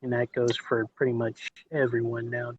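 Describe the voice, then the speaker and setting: A man's voice: mid-range voice, monotone, normal speed, a little hiss or hum. Man with hillbilly twang, lo-fi sound. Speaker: podcast co-host. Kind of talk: casual chat. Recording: dull, lo-fi voice line.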